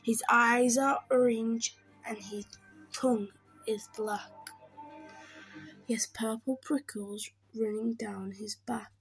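Slow expressive woman reading a storybook. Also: a little high, slightly rough, soft background music. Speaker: storybook reader. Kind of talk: picture book read-aloud.

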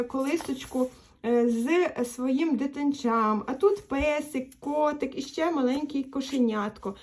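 A young woman teaching the alphabet to children, patient and encouraging, drawing out each vowel for them to repeat. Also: high-pitched. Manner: gentle, encouraging address to children.

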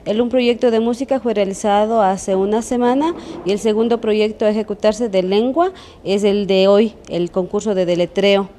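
A woman's voice: mid-range voice, moderate pace, warm tone. A woman answering interview questions as a school coordinator into a handheld microphone indoors. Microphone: handheld reporter microphone. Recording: clear background room noise.

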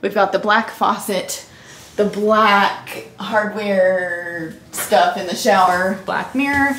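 A young woman chatting casually about her home, upbeat and quick to laugh. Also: mid-range voice, fairly bright tone, a little hiss or hum. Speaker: vlogger. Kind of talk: casual home tour chat. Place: bathroom of a new house.

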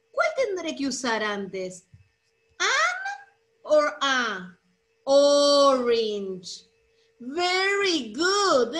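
Slow singsong woman teaching English. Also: high-pitched, fairly bright tone. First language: Spanish. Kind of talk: bilingual children's English lesson.

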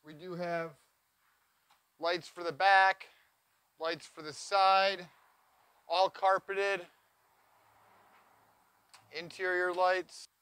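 This trailer reviewer, a man in his forties, gives an excited walkaround of a camping trailer, gesturing at features inside and around a cargo trailer parked on an outdoor lot. His high-pitched voice barely moves in pitch, is pushed, bright, and smooth, with drawn-out words and long pauses. The lapel-mic audio has no echo.

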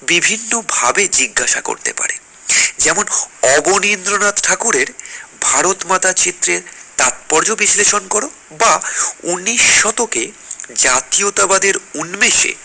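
A history teacher and online exam coach from West Bengal, with a Bengali accent, teaches school students an exam lesson, repeating phrases and asking check questions. His voice is high, gravelly, bright and forceful, in a rough recording with slight background noise.

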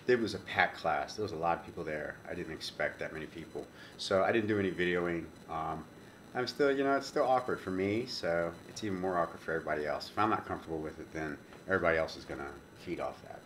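A man's voice: low voice, quick pace, a little hiss or hum. A man in his thirties filming his own casual vlog with a handheld camera at arm's length, rambling with lots of ums. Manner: rambling, relaxed, many ums. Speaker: vlogger. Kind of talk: casual self-filmed vlog. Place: hotel room and parked car. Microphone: handheld action camera at arm's length.

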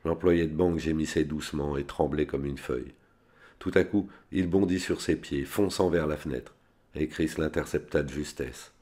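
Very deep-voiced man reading a novel. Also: moderate pace, dark tone. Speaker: reader. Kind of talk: reading a spy novel aloud.

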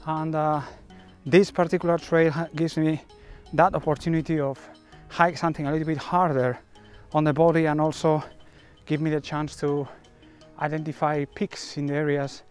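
Middle-aged Spanish-accented man, hiking vlogger, smooth clear voice, a touch higher than usual, over light background music. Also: little pitch movement. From Spain. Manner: unhurried, slightly halting non-native English. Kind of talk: casual chat to camera. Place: mountain summit outdoors.

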